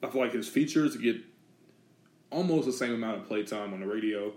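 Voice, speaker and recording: Easygoing male co-host, casual back-and-forth, mid pitch, roomy echo. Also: brisk, darkish tone. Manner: easygoing, chimes in with short agreements. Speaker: podcast co-host. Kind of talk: casual chat.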